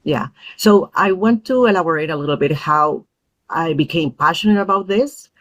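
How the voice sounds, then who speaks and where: A mother and parent advocate who grew up in Peru speaks as a podcast interview guest in a low voice. She's earnest and thoughtful, pausing often and using fillers.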